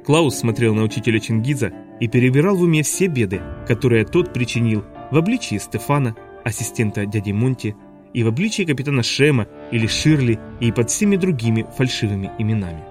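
A man's voice: medium pitch, expressive, brisk, darkish tone, soft background music. A man narrating a children's story as an audiobook, expressively. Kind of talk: scripted narration.

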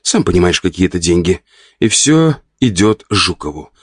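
A man reading an audiobook, voicing an indignant, sharp-tongued countess of about forty. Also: low voice, big pitch swings, moderate pace, breathy edge, no echo, studio quality, heavily acted. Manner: huffy, pleading, indignant.

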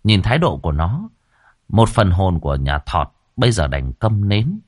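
Casting: male audiobook narrator for horror tales, low and very animated, dry close sound. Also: normal speed, no room sound. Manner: lively, expressive storytelling. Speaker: storyteller.

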